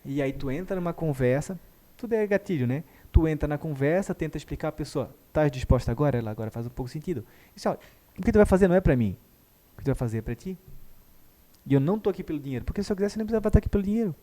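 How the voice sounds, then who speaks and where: A man tells a story quickly, his voice soft and mellow. He acts out the lines of the people in it with animated energy. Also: fairly high pitch. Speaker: guest therapist. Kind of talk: conversational storytelling.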